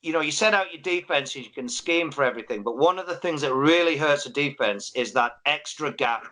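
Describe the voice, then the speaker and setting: A man's voice: fairly high pitch, animated, fairly quick, sharp tone. A man interviewing coaches on a sports live stream, chatty and prone to restarting his questions. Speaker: interviewer at a football final.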